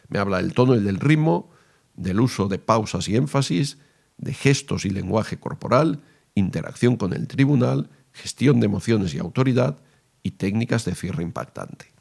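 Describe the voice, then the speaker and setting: A man with a Spain Spanish accent teaching courtroom speaking, explaining in a measured way and reading examples aloud. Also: lowish voice, gravelly, a little mellow. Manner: measured, reads quoted advice aloud.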